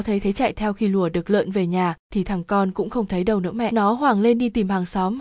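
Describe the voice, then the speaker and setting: A woman narrating a spooky village story in a steady, even storytelling tone. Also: mid-range voice, no room sound, studio quality.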